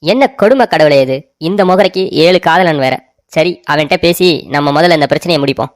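A woman's voice: sits low, fairly quick, no room sound, clean studio sound, faint music behind, close to an everyday voice. A woman voicing a bossy, melodramatic older brother in a cartoon story, talking in a scolding, blustering way. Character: bossy, self-pitying elder brother, grown man.

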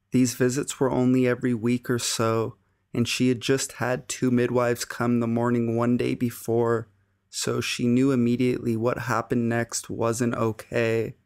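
A man reads scary stories in a gravelly voice. His delivery is steady and unhurried, with a flat, even tone. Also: mid-range voice. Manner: slow, even storytelling delivery. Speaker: narrator. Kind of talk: scripted narration.

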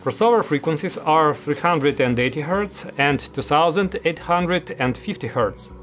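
A man in his thirties, an audio gear reviewer, hosts a scripted product review, talking to camera in a small indoor studio room. His voice sits on the high side, fairly bright, with lively intonation at a normal speed. Music plays in the background.

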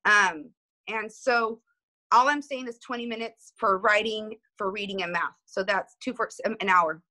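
A woman's voice: medium pitch, normal speed, low-quality recording. A woman who owns a small business, talking in a casual conversation and telling stories with emotion and energy. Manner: emotional, animated storytelling.

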